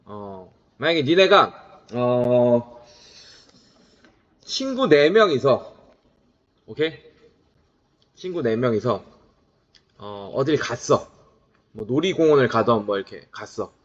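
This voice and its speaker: A man teaching a high school math class, lecturing casually and often checking whether his students follow. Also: takes it slowly, pauses often. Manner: animated, keeps checking in with students. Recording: dull lo-fi recording.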